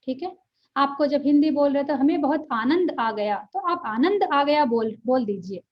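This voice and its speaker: A woman with a high voice gives an earnest online language lesson. She keeps checking in with her listeners and stretches syllables slowly to show the right pronunciation. The audio is dull and lo-fi. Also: lively intonation. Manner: earnest, checks in often with "ठीक है", drawn-out pronunciation demonstrations. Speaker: Sanskrit teacher.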